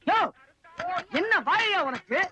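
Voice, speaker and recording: A blunt high-voiced beggar. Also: male voice, expressive, slow, bright, forceful tone, a little hiss or hum, full character voice. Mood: indignant. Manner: blunt, reproachful street talk. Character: grown man beggar, indignant then consoling. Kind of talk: film comedy dialogue. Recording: dry, lo-fi old film soundtrack.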